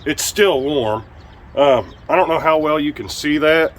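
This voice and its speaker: A man's voice: on the high side, a little slow, a little hiss or hum. Chatty man cooking outdoors. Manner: relaxed, chatty, frequent ums. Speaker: outdoor cooking channel host. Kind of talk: casual cooking vlog. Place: outdoors at a camp stove.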